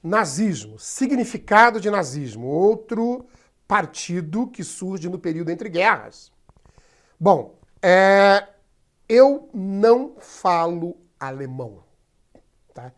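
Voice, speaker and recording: Brief: woman, history teacher, low voice, chatty classroom explaining to students. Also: big pitch swings, slow. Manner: chatty, explains step by step, addresses students as gente. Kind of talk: recorded class lecture over slides.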